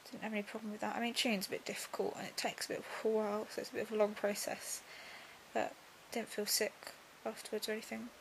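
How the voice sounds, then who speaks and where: A young woman talking casually in a video diary, subdued and drowsy as she recovers from surgery, her voice creaky and breaking into breath. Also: medium pitch, flat delivery, fast talker, slight background noise, poor audio. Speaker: vlogger.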